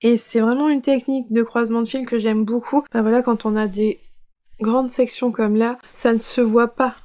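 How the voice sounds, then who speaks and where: Woman, podcast host, casual enthusiastic chat with hesitations, a touch high-pitched. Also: fairly even intonation, moderate pace, a little mellow. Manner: chatty, enthusiastic, with frequent hesitations. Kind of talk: casual show-and-tell chat.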